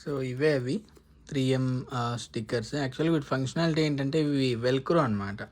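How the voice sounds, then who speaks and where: A motovlogger unboxes a product and demonstrates the installation in casual, explanatory steps, slipping English terms into his speech. His voice is mid-range and darkish at a normal speed, picked up by a lavalier in a clearly noisy recording full of ambience.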